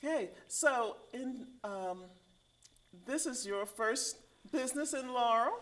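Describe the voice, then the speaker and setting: A woman hosting a community talk show, explaining in a measured storytelling way. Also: a little high, expressive, a bit bright, echoey room. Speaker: host.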